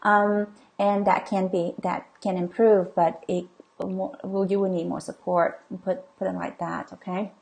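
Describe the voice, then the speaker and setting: A woman's voice: on the low side, little pitch movement, a little slow, creaky, a little mellow. A middle-aged woman coach and healer hosting a live online session, reading viewer comments and reassuring them with frequent "okay?" and filler sounds. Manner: reassuring, many okays and ums, reads comments aloud.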